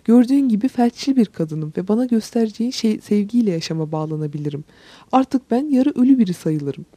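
A woman's voice: mid-range voice, lively intonation, a little fast, warm tone, slightly rough, dry recording. A woman voicing a frail, grieving old grandmother who pleads tearfully in a storybook reading. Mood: pleading.

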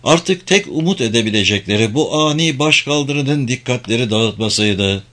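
A man reading an adventure novel aloud in measured, dramatic audiobook narration. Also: medium pitch, expressive, fairly bright tone.

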